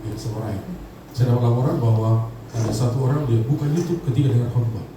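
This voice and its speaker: In a large church hall, a pastor from Indonesia in his fifties delivers a sermon full of humor, speaking quickly in a mid-range voice and prompting the congregation to respond. The audio is echoey, with a distant mic and noise behind him.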